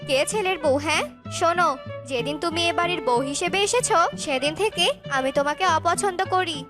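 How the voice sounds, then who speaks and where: A woman voicing a nagging older grandmother in a cartoon, who scolds and shouts at her daughter-in-law. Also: very high-pitched, brisk. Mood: scolding. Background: background music.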